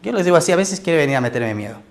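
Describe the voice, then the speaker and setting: A man's voice: on the high side, lively intonation, rapid-fire. A male pastor, preaching in a conversational sermon style and often checking in with "¿ok?".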